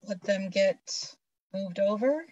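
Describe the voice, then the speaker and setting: Slow-spoken woman hosting on a video call. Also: medium pitch, darkish tone, no room sound. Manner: slow, measured announcing. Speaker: competition moderator. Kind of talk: hosting an online competition. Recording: dull, dry video call audio.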